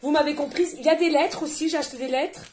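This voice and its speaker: High-pitched lady doing an oracle card reading, super excitable, chatty, keeps talking to her viewers. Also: fast talker, slight background noise. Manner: effusive, exclamatory, chatty; addresses listeners directly and often. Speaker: tarot and oracle card reader.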